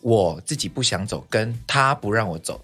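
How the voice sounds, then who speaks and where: A man's voice: fairly low pitch, expressive, moderate pace, fairly bright tone, breathy edge, faint music behind. A man with a Taiwanese Mandarin accent, a songwriter guest chatting casually in an interview, often laughing and restarting his sentences.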